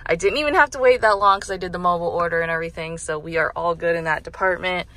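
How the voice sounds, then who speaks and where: A woman's voice: fairly low pitch, fast talker, pushed and bright, low-quality recording. A young woman in her twenties, chatting casually to a handheld camera in a daily vlog and saying "like" a lot. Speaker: vlogger. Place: car, gym, bedroom and kitchen. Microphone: camera held at arm's length.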